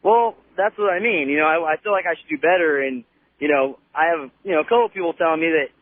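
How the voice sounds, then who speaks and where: A young American man in his early twenties calls into a radio show for a casual chat, his voice a little high and fast. He's on a telephone, so the line sounds tinny over the broadcast.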